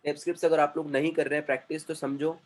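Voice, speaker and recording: Man, English teacher, stern and repetitive, slightly higher voice, lecturing an online class. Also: flat delivery, very fast, noisy background.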